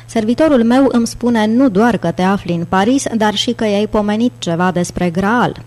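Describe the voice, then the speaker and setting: A woman reading an audiobook, voicing a jovial, theatrical older British gentleman with a grand, playful manner. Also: medium pitch, lightly acted.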